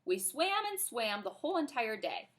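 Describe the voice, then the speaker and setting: Animated woman reading a kids' book. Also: on the high side, moderate pace. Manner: expressive, animated. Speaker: reader. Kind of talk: reading a children's book aloud.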